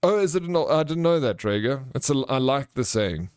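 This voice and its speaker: South african guy streaming, mid pitch, chatting to viewers all chummy and informal, really dry sound. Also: lively intonation, fairly quick, a little mellow, clean tone, no room sound. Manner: chummy, informal, calls viewers bro and friend. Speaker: livestream host. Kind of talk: casual livestream chat, reading out and answering viewer comments.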